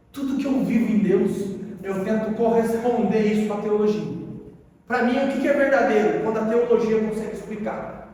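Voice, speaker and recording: High-voiced preacher in a distant echoey hall. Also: male voice, a little mellow, slight background noise. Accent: Brazilian Portuguese. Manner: emotional storytelling, conversational slang. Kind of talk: sermon testimony.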